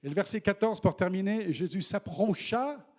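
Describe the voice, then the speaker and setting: High-voiced animated male preacher. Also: normal speed. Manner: animated, acts out voices of people in the story, jokes with the congregation. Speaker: missionary preacher. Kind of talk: sermon.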